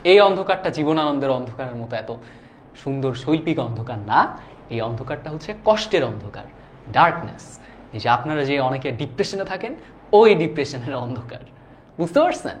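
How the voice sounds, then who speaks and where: A man's voice: medium pitch, lively intonation, brisk, a little hiss or hum. Casual young male teacher. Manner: casual and chatty, often asks "do you understand?". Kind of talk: live online class, reading viewer comments.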